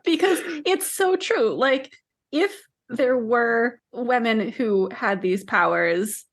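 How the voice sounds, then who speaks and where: In her thirties, a woman co-hosts a podcast and chats casually about books. Her voice is slightly high and her pace slow, keeping the conversation relaxed.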